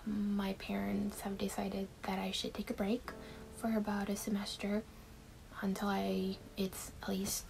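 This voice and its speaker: Twenties girl from taiwan doing a chill q&a to her webcam, lots of ums, slow pace, music under it. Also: mid-range voice, creaky, darkish tone, low-quality recording. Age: 20s. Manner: chatty, frequent fillers and little laughs. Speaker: vlogger. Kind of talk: casual Q&A vlog. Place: bedroom.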